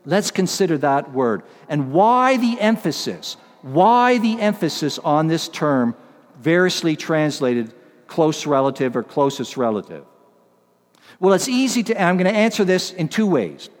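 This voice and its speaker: A man's voice: a little high, big pitch swings, unhurried. A man preaching an expository sermon to his congregation, earnest, repeating key phrases and posing rhetorical questions. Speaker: pastor. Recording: long reverb of a large hall.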